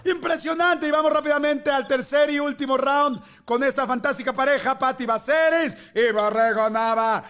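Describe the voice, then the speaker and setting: A Mexican man hosting a comedy joke battle like an energetic announcer. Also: very high voice, moderate pace, hardly any pauses. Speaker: host.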